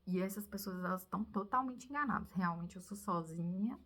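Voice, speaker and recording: A Brazilian woman vlogging, telling viewers a personal story in an animated, confiding way that now and then drops to a whisper. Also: medium pitch, brisk. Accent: Brazilian Portuguese.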